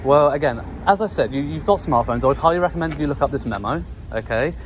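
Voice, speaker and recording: A British man talking fast and insistently, pushing back against officers while he films on a city street. His voice sits at an ordinary pitch, recorded on a handheld camera outdoors with faint traffic around him. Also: expressive. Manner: insistent, argumentative. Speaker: citizen filming police. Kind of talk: heated street argument.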